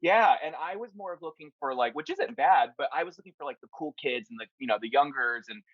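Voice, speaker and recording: A man's voice: fairly high pitch, animated, quick pace, no echo, muffled recording. A young man, a hair stylist, telling a story casually in an interview, rambling with lots of fillers like "like" and "you know". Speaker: hair stylist, salon owner.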